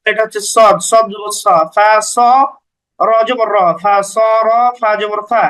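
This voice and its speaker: A man's voice: sits high, monotone, slow, a bit bright, rough recording. A man teaching beginners to read the Quran, spelling out each letter and vowel mark syllable by syllable with patient, brief explanations.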